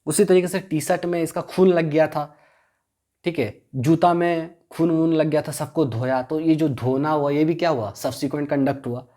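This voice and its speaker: A man's voice: a little high, steady tone, moderate pace, mellow. A man lecturing on law in Hindi-English classroom style, who keeps asking rhetorical questions and answering them himself while repeating key terms. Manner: constantly quizzes the listener and answers himself; repetitive, drills key terms.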